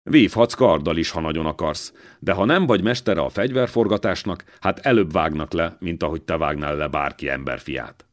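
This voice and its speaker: A male reader voicing a wounded old man, a former royal servant, who speaks slowly and weightily like a stern father. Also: low voice, close to an everyday voice. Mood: gruff, fatherly. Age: older.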